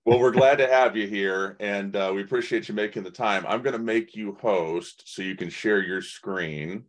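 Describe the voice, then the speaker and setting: A man's voice: lowish voice, moderate pace. A man in his forties hosting an online conference interview, chatty, with lots of fillers and restarts. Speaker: host. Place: indoors in front of a branded backdrop. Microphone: webcam video call.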